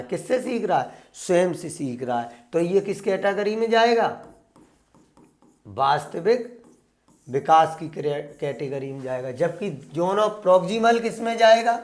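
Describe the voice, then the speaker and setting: A man's voice: fairly high pitch, darkish tone. A man teaching an online exam-prep class. He keeps asking his students questions, answers them himself, and calls them "beta".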